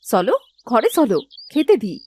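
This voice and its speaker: Woman playing a sharp-tongued nagging village wife. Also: a little high, big pitch swings, moderate pace, slight background noise. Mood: excited. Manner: scolding, sarcastic nagging. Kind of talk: cartoon voice acting.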